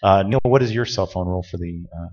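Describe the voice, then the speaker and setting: A man with a low, deep voice gives a conference presentation in a large hall, talking plainly and directly as he explains rules to the room. The audio is dull and lo-fi, with a long reverb trailing his words. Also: fast talker, darkish tone. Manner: plain-spoken, direct, instructive.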